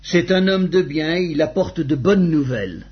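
A man reading the lines of a grieving aged king in a husky voice. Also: a little high, measured pace. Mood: anxious. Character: grieving aged king, mourning his son. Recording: dull lo-fi recording.

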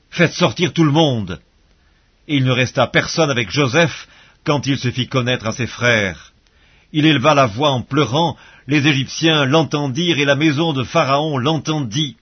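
A man reading scripture aloud in a measured, solemn way, with a husky voice. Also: mid-range voice, dull audio. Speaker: bible reader.

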